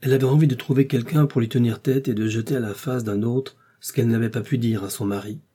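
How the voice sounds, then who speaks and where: Male audiobook narrator, mellow and breathy, steady storytelling. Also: mid-range voice, fast. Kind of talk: scripted narration.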